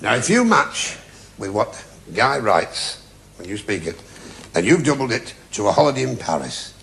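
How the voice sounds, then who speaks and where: A man's voice: mid-range voice, sing-song, moderate pace, vocal fry. Jokey pun-cracking man hosting a game show. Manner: jokey, punning, teasing contestants. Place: TV studio with a live audience. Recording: loud audience and noisy broadcast sound.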